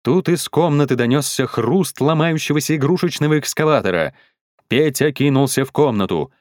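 A man reading a children's story aloud in an expressive, animated way. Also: medium pitch, moderate pace, no echo, studio quality. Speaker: narrator.

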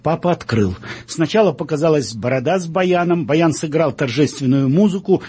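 A man, an author and radio guest, reading his own new story aloud expressively and speaking haltingly in between. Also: a little high, animated, darkish tone, husky.

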